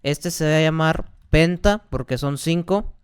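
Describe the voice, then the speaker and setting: A man's voice: a little high, a little slow, clean tone. A man, a chemistry teacher patiently explaining exercises step by step and asking rhetorical questions. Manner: patient, repeats key points, asks rhetorical questions.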